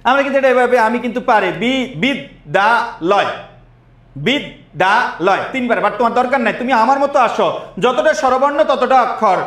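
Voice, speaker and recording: High-voiced energetic teacher. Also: male voice, quick pace, hardly any pauses, echoey room. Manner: energetic, quizzes students with repeated questions. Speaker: admission test teacher. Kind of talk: live online class.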